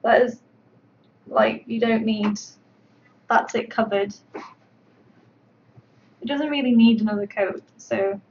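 Speaking slowly in a slightly high, creaky, somewhat mellow voice, this woman pauses often. She's a sculptor livestreaming her work, rambling casually with plenty of fillers as she paints. Her sound comes through as dull lo-fi stream audio with a faint background hum.

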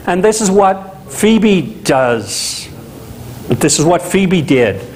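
A middle-aged man from Louisiana preaching a sermon as a pastor in a small chapel, talking in a conversational, animated way with asides. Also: high voice, slow pace, a little hiss or hum, poor audio. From Louisiana, USA.

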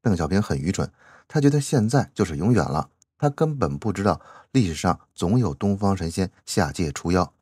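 A man's voice: deep voice, lively intonation, a little fast, darkish tone, breathy edge, no room sound, studio quality. A man giving chatty commentary as he reads out a classic novel, drawing out his sentence-final particles. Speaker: channel host.

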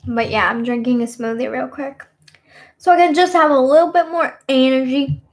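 A young woman in her twenties talks to her webcam from a small bedroom, her voice sitting high and light. She rambles through casual stories, leaning on fillers like "you know what I mean". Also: normal speed. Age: 20s. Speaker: streamer. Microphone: webcam at desk.

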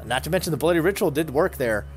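A man commentating a video game tournament, calling the action play by play with brisk, excited energy. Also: on the high side, faint music behind.

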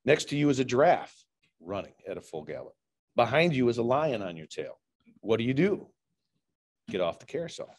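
A middle-aged man delivers a humorous club speech in the manner of telling dad jokes. His pitch is ordinary for a man but moves around in an animated way. He lays out setups and punchlines as a prepared routine. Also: fairly quick, long pauses. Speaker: speaker at a public speaking club. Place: large indoor meeting room with low ceiling.

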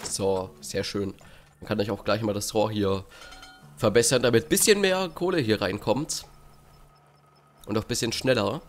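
A man's voice: lowish voice, normal speed, long pauses, faint music behind. A man giving casual let's play commentary with sarcastic, dry asides. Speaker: let's player.

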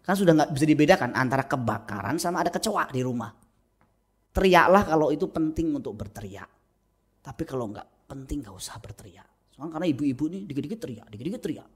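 Man, pastor, husky voice, fairly high, humorous sermon, animated storytelling. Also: fast talker. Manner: animated storytelling with acted-out quotes. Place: church sanctuary.

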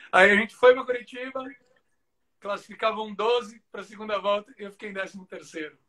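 A man's voice: sits high, steady tone, normal speed, bright, forceful tone. A man, a show jumping rider, telling stories in a casual live interview, chatty and full of fillers like "cara". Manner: chatty, fills talk with "cara" and "né".

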